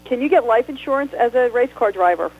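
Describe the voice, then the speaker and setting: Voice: medium pitch, expressive, brisk. Curious radio host on a tinny line. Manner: curious, laughs easily. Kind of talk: interview.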